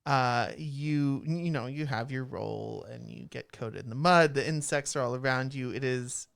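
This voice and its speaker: A man serving as game master, improvising descriptions of the scene in a loose, halting way with lots of fillers. His voice is smooth and clear, sitting at an ordinary middle pitch. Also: a bit bright. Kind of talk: narrating a tabletop game. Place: college radio studio.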